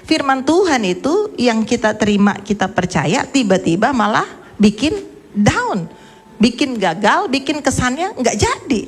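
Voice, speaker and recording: Woman preaching, somewhat high voice. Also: very animated, unhurried, breathy edge. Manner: emphatic preaching, dropping low and soft for a story, then rising. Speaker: pastor. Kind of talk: sermon.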